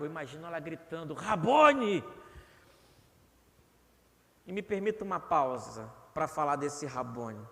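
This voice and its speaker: A young man with a Brazilian accent preaches in earnest, often repeating a word to drive it home. His voice sits fairly high for a man. The long reverb of a church hall trails after each phrase. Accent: Brazilian Portuguese. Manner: earnest, repeats words for emphasis. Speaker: pastor. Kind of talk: sermon.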